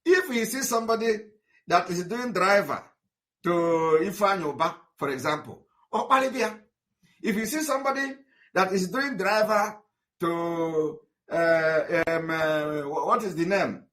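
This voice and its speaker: This man's voice is high-pitched and fairly bright, and he talks a little slowly. On a livestream for his followers, he shifts back and forth between English and Igbo. He comes across as combative and keeps tripping over repeated words and fillers.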